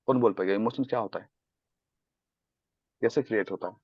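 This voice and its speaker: A man's voice: fairly low pitch, brisk, breathy edge, no echo, muffled recording. A man teaching a sales class on a video call, mixing Hindi and English and quizzing his students. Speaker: sales coach.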